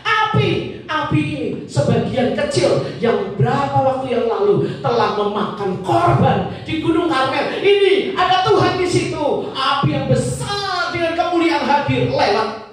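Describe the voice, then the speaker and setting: A preacher doing Elijah, a pleading old prophet. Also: male voice, very high voice, moderate pace, fairly bright tone, pitched above the performer's own voice. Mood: excited. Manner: pleading, repeating himself. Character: despairing old male prophet, complaining then excited. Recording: very echoey church hall, far from mic.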